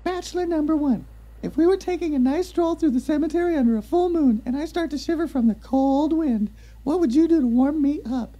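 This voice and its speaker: A woman's voice: sits high, fairly quick, mellow, muffled recording, a little hiss or hum, lightly acted. A woman voicing a coy ghoul scream queen who politely questions her dates in a comedy animation.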